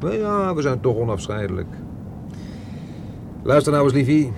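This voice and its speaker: A man's voice: medium pitch, big pitch swings, normal speed, creaky, noisy background. A man dubbing a cocky young chauffeur who lies freely, speaking with breezy, teasing banter. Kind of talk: dubbed film dialogue.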